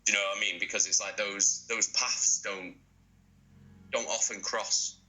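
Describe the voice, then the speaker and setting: A man in a band being interviewed, talking casually, excitable and sweary, laughing often. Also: fairly low pitch, normal speed, soft background music, rough recording.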